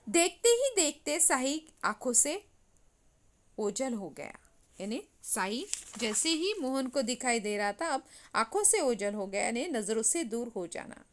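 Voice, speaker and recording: A woman's voice: on the high side, animated, a little slow. A woman teacher reads a story passage aloud and then explains each line in simple words. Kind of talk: reading and explaining a Hindi lesson.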